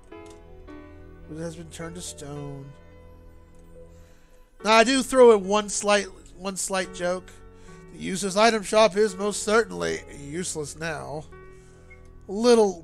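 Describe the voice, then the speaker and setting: A man streaming and casually commenting on a game he made. He talks in a chatty, jokey way and often gets animated. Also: high voice. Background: faint game music.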